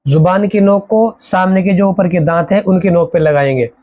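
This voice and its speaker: A man teaching a Quran reading lesson as an Arabic teacher, drawing out each letter slowly and explaining how to say it. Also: high-pitched, a little mellow, muffled recording. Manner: slow, drawn-out recitation of letters with explanations.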